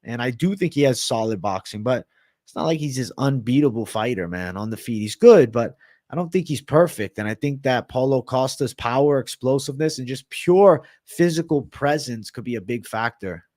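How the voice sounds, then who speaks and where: A man hosts a casual livestream Q&A and answers viewer questions in a blunt, offhand way, swearing now and then. His voice sits at a middling pitch. The sound is dry and close, with no room echo. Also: animated, normal speed, a little mellow. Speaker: livestream host.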